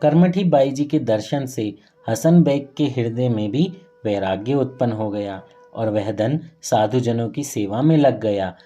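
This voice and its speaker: A man's voice: mid-range voice, unhurried, mellow. A man narrating a saint's life story in a reverent, earnest devotional storytelling manner, now and then correcting himself mid-phrase. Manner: earnest, reverent retelling with occasional self-corrections.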